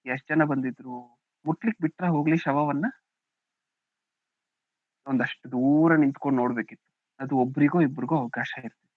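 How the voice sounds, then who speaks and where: A man with a Kannada accent preaches a sermon in a fairly high voice, reading scripture aloud with emphasis and often putting rhetorical questions to the congregation, sometimes with a "hm?". The recording is dry, echo-free and thin, like a phone.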